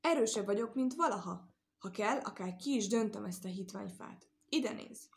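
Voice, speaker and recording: A woman's voice: medium pitch, fairly bright tone, lightly acted. A woman voicing a proud, stubborn and stingy old cow in a storybook reading. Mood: boastful. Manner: boastful, then cross and grumbling.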